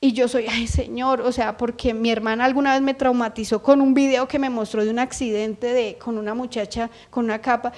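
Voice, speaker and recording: A woman's voice: on the high side, little pitch movement, brisk, hardly any pauses, darkish tone. A middle-aged woman with a Colombian accent preaching a sermon earnestly, often acting out what people say. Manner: earnest, acts out quoted voices.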